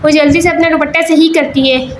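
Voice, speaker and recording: A woman reads a novel aloud with steady storytelling. Her voice sits high. A faint hiss hums underneath. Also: low-quality recording. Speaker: story narrator. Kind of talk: reading an Urdu novel aloud.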